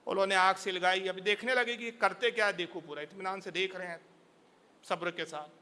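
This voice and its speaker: Male preacher from India, dramatic sermon storyteller, bright forceful delivery. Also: high-pitched, steady tone. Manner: impassioned, dramatic narration.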